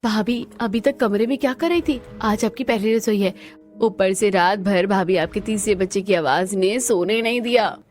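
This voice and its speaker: A woman's voice: medium pitch, normal speed, a little mellow, soft background music. Woman voicing cartoon family drama. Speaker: voice actor for several characters. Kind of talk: scripted cartoon dialogue.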